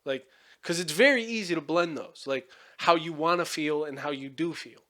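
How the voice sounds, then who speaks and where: A man's voice: fairly high pitch, normal speed, pushed and bright. A young man hosting a casual podcast chat, rambling with lots of fillers and frequent swearing. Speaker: podcast host.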